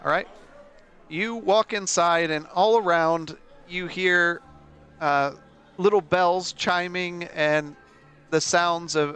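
A man's voice: sits high, pushed and bright, clear, resonant tone. A man narrating an improvised tabletop role-playing game as game master.

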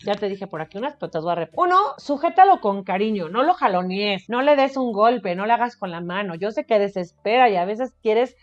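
A woman with a Mexican Spanish accent speaks as an education expert on a radio show. She is earnest, repeats her words and keeps asking the listener rhetorical questions. Her voice comes through a little dull, with soft music underneath. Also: medium pitch, animated, brisk, hardly any pauses. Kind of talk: radio advice talk. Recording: slightly muffled radio audio with faint music.

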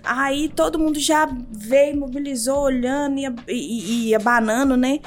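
Young mineira woman on a podcast, high voice, lively storytelling, plays out the other voices in dialogue. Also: normal speed. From Brazil. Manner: animated, acts out quoted dialogue. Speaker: podcast guest. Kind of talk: casual interview storytelling.

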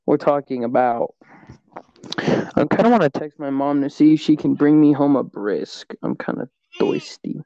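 A man's voice: on the high side, steady tone, normal speed, warm tone, dry recording. A man co-hosting a podcast, chatting in an offhand, joking way. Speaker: podcast co-host. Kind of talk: casual chat. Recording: slightly dull lo-fi sound.

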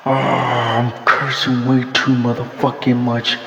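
A frustrated man hosts a solo podcast, swearing constantly as he rants at an unhurried pace. His voice sits in a roomy space with a long reverb tail and a faint hiss underneath. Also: medium pitch, completely flat delivery, dull audio, loud music behind the voice. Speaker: podcast host.

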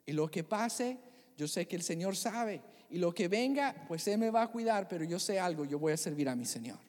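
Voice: mid-range voice, lively intonation, moderate pace, a little mellow, lightly acted. A preacher voicing a faithful man who firmly declares his trust, with long hall reverb. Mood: resolute. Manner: firm, resolute declarations.

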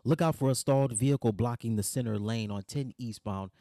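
A man's voice: medium pitch, a little fast, warm tone, dry recording, clean studio sound. A man reading a radio traffic report as the station's traffic reporter.

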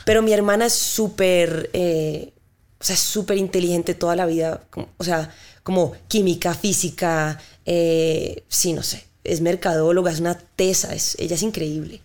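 Lively woman singer from Cali. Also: on the low side, normal speed. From Cali, Colombia. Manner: lively storyteller imitating notes with sung syllables. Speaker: guest singer-songwriter. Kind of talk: casual interview chat.

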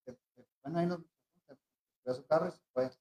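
A tattoo artist with a Mexican accent casually tells anecdotes, acting out the voices of the people in them and often restarting his sentences. His voice sits on the high side and moves fairly quickly. A crowd can be heard in the background, and the recording has a roomy echo.

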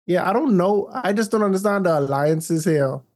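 A man's voice: high voice, expressive, normal speed, darkish tone. A man with a Caribbean accent co-hosting a casual chat, colloquial and slangy, often checking that he is followed. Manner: colloquial, slangy, uses rhetorical check-ins. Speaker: podcast co-host.

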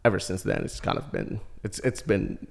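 A man's voice: on the low side, normal speed, creaky. A man in his thirties, from Iraq, a podcast guest telling his story in a chatty way and laughing often. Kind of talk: casual chat.

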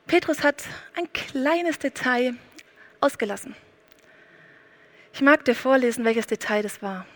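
A woman's voice: high-pitched, lively intonation, unhurried. A woman preaching a sermon, speaking emphatically and addressing the listener directly.

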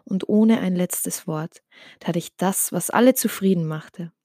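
A woman giving an emotional, intense reading of a dark first-person story, with some passages dropped to a hush. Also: fairly low pitch, unhurried, no echo, clean studio sound.

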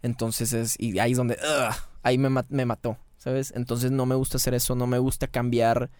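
A man with a Mexican Spanish accent, a singer talking casually as a podcast guest, slangy and quick with many restarts. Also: medium pitch, level tone, a little mellow, smooth, dry recording. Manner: slangy, fast and repetitive, restarts mid-phrase. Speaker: singer and band founder, guest. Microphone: studio mic in a small treated room.

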